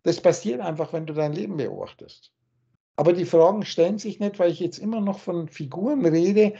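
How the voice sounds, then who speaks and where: A man lectures over a video call with a husky, darkish voice, scolding and preachy, often blunt to the point of crude. The call audio is dull and lo-fi, its highs rolled off. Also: brisk, dark tone. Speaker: spiritual teacher.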